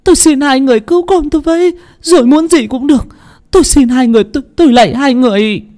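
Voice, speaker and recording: A man reading a storybook and voicing a desperate young mother who pleads and sobs in shrill cries. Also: fast talker, dark tone. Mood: begging.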